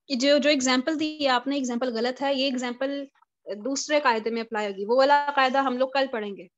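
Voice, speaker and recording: In a live online Quran recitation class, a high-voiced woman teaches at a moderate pace, patiently explaining each point step by step and regularly asking her students questions. The sound is dull and lo-fi, as if taken from a video call.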